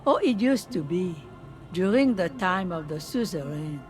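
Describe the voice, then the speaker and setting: A woman's voice: on the low side, animated, measured pace, a little mellow, soft background music. An actress playing a very old washerwoman in a video game, weary, plainspoken and folksy in a resigned way. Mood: somber, matter-of-fact. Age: older. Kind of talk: video game dialogue acting.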